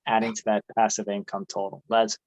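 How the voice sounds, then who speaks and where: A man's voice: on the low side, monotone, a little fast, dry recording, lo-fi sound. A man co-hosting an investing chat, brash and hyped as he pumps up the viewers. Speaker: co-host of a dividend investing channel. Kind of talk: casual chat.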